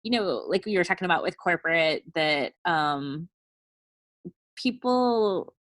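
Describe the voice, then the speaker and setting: A woman's voice: on the low side, lively intonation, measured pace, fairly bright tone, no echo, clean studio sound. A woman hosting a podcast, a coach who chats casually and asks curious, open questions. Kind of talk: casual interview chat.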